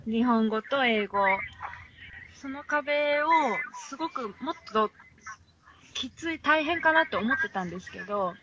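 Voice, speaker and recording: Woman from japan on a noisy video call, a bit high voiced, slow thoughtful talk with lots of fillers. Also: lo-fi sound. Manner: thoughtful, hesitant, many fillers. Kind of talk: casual chat.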